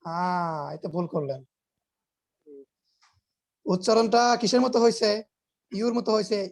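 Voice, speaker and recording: A man's voice: sits high, normal speed, gravelly. A man teaching English grammar in an online class, explaining patiently, repeating his points, quizzing students and mixing English words into his talk.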